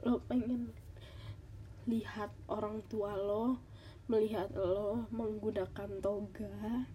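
A woman hosting a podcast as a casual, halting monologue, with a congested, nasal voice like a blocked nose. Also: medium pitch, level tone, mellow, a little hiss or hum. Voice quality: congested, stuffy-nosed nasal voice. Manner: informal, halting, with audible sighs. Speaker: podcast host.

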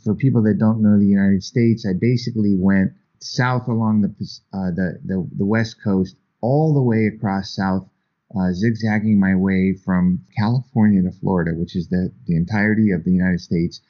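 A man's voice: low-pitched, fairly even intonation, moderate pace. A man telling earnest stories as an author guest in an interview, with frequent restarts. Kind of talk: storytelling in an interview. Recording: dull lo-fi sound.

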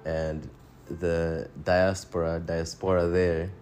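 A man from Tanzania with a very low, deep voice talks loosely through a casual podcast over a phone. He rambles and restarts his sentences, chuckling between thoughts, with faint music behind him. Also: level tone, takes it slowly, darkish tone. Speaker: podcast co-host.

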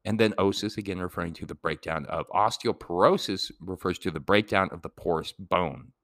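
A man's voice: low voice, a little fast, no room sound, clean studio sound. A man giving a casual, rambling explainer lesson, drifting into side tangents. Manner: rambling, digressive, relaxed. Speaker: educator.

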